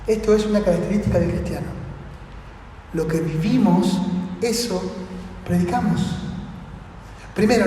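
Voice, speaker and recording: A man's voice: high voice, dark tone, a little hiss or hum. A man with a Rioplatense accent preaching to a youth meeting at church, chatting with the audience and asking them rhetorical questions. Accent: Rioplatense Spanish. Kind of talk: sermon. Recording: echoey hall, faint ambience.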